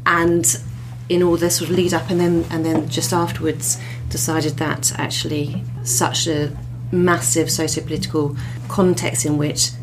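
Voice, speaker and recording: A woman's voice: low-pitched, level tone, a little slow, background noise. A woman researcher talking through her work as a podcast guest, thoughtful and hesitant, with many fillers and restarts.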